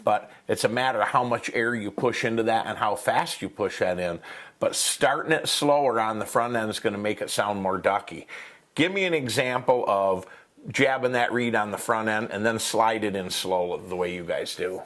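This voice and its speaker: A man's voice: lowish voice, normal speed, a bit bright. A man hosting an instructional chat about hunting, explaining things in folksy, informal wording. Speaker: host. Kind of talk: instructional chat on duck calling.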